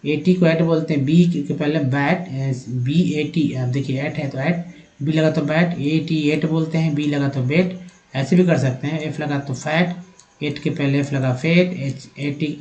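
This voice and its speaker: A man's voice: a little high, darkish tone, echoey room, rough recording. A man teaches English spelling and pronunciation, repeating letter patterns aloud and addressing viewers as friends.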